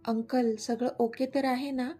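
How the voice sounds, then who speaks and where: A woman's voice: a little high, little pitch movement, unhurried, dark tone, breathy edge, soft background music. A woman voicing an anxious young son. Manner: urgent, anxious. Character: impatient, worried young son.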